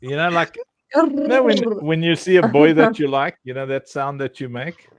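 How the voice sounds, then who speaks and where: A man's voice: on the high side, moderate pace, no echo. A man hosting a casual livestream chat, joking and teasing his guests and coaching them to repeat words. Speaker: livestream host.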